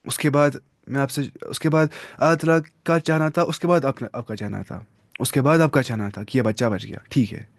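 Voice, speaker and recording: A man teaching a religious class, his voice sitting at an ordinary middle pitch. He reads passages out slowly and deliberately, then slips into loose, chatty explanation, often checking in with his listeners. The sound is dry and close, with almost no room echo. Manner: reads English text slowly, explains casually with tag questions. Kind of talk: teaching lesson, reading text then explaining.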